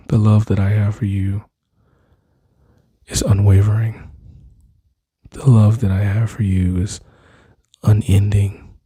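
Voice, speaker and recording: A man speaking slowly and intimately into a close mic, soothing and reassuring, often dropping to a whisper. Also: fairly low pitch, little pitch movement, warm tone, slightly rough, dry recording. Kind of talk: soft-spoken ASMR comfort roleplay.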